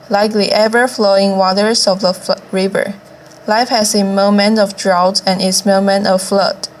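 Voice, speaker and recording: A woman's voice: medium pitch, slight background noise. A woman delivering a eulogy as a formal, oratorical speech, occasionally stumbling over a word. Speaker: speaker delivering a famous eulogy.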